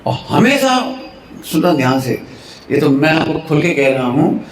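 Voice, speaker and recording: Male preacher, devotional sermon, lively storyteller who acts out domestic scenes, fairly high voice, reverberant temple hall. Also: a little slow, slight background noise. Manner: animated storytelling, acting out household quarrels; chuckles often at his own examples. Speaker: Jain preacher. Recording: echoey temple hall with faint ambience.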